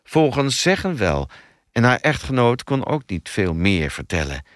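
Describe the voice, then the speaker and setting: A man's voice: medium pitch, very animated, unhurried, dry recording, clean studio sound. A man voicing a level-headed male police detective who talks in a matter-of-fact way.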